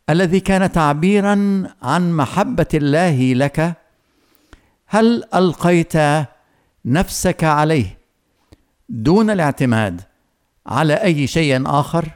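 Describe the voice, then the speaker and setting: A man preaching a sermon, speaking earnestly and slowly, addressing the listeners directly with questions. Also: fairly high pitch, darkish tone.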